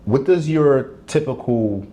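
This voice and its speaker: A man's voice: mid-range voice, slow, mellow. A man interviewing in a conversational style, asking probing questions and rephrasing them with options.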